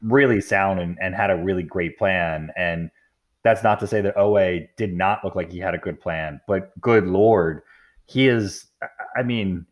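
A man's voice: low voice, a little slow, lo-fi sound. A man hosting a casual sports podcast, laid-back and chuckling as he talks. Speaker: podcast host.

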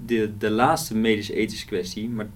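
Man, middle-aged author, hesitant interview talk, fillers, somewhat low pitch. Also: level tone, normal speed. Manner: hesitant, many fillers and restarts. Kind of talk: casual interview, reading aloud from his novel.

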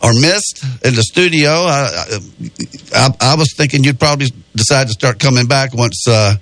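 A man's voice: medium pitch, normal speed, a bit bright, no echo. A man with a Southern US accent and a rural drawl, hosting a casual sports talk radio show in a folksy way. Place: radio studio. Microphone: close studio microphone.

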